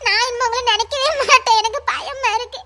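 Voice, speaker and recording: Very high bright voice, woman as a scared village girl, pleading. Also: steady tone, a little fast. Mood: fearful. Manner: pleading, repeating herself anxiously. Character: frightened young village girl in love. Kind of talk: amateur village drama.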